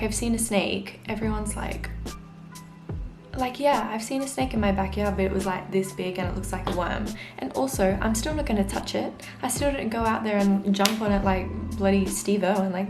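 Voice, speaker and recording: Young posh aussie woman vlogger ranting casually, mock exasperated, mid pitch, music playing, bit of room echo. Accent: posh Australian. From Australia. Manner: exasperated, chatty, mimicking others' remarks. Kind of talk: casual comedic rant to camera. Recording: roomy echo with clear background music.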